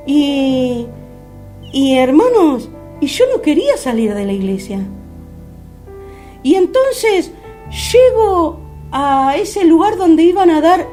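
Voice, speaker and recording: Fervent high-voiced Argentine woman in her fifties. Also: darkish tone. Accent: Argentine Spanish. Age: 50s. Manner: fervent, keeps calling listeners brothers, halting with fillers. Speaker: radio program host giving testimony. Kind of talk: religious radio testimony.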